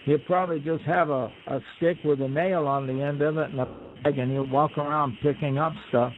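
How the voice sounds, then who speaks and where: A man's voice: on the high side, steady tone, brisk. A man guest telling stories in a folksy, rambling way, acting out quoted voices. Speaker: guest storyteller. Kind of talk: relaxed conversational storytelling. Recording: tinny phone line with faint hiss.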